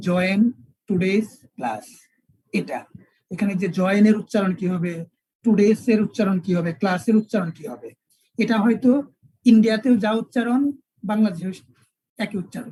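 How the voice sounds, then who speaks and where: Male teacher, husky, higher-pitched, spells words out slowly. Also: warm tone, no room sound, low-quality recording. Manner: explains with repeated examples, spells words out slowly. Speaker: English teacher. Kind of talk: online class lecture.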